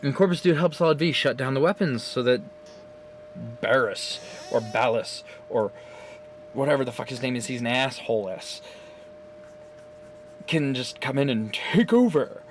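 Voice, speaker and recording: This gaming video creator, filming himself at home on his phone, rambles casually and profanely through a game's story, often laughing. His medium-pitched voice moves at normal speed but with long pauses, and there's slight background noise.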